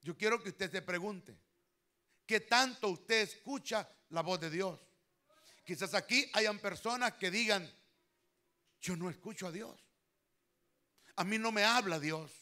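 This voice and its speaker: Fervent high-voiced male preacher. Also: a little slow, pauses often. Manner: fervent preaching, swelling loud on key phrases, addresses listeners as brother. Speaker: pastor. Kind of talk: sermon.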